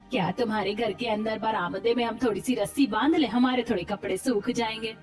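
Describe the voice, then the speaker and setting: A woman's voice: fairly high pitch, brisk, distant mic, natural voice. A woman voicing a scheming, pushy older village woman in a cartoon, talking in a coaxing, insistent way.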